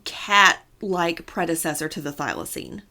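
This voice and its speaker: A woman's voice: lowish voice, very animated, a little slow, pushed and bright. A woman co-hosting a casual podcast, telling a story with playful asides and a chatty manner. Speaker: podcast co-host.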